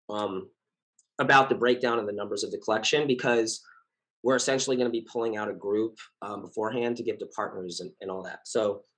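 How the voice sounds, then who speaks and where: A man with a scratchy, hoarse voice talking casually to his community as founder, earnest and reassuring, rambling with many fillers and self-corrections. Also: mid-range voice, fairly bright tone. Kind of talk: casual spoken update to followers.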